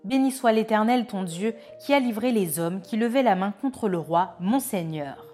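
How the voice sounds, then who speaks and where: A woman's voice: mid-range voice, animated, moderate pace, mellow, soft background music, lightly acted. A woman voicing an eager young male messenger who pleads to run with the news.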